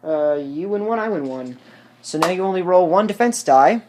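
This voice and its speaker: A man's voice: high voice, animated, normal speed, a little mellow, slight background noise. Self-mocking young man explaining board game moves. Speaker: let's play host. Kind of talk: casual board game commentary.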